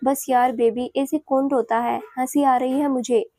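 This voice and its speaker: A woman voicing a young husband who gently teases and comforts his wife in an audio story. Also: high voice, steady tone, unhurried, a little hiss or hum. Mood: teasing. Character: young devoted husband, teasing and caring.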